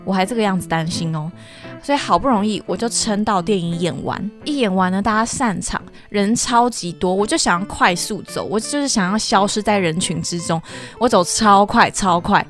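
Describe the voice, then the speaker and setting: A woman's voice: mid-range voice, moderate pace, soft background music. Chatty young woman storyteller. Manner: candid, chatty, earnest. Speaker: podcast host. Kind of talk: personal storytelling podcast.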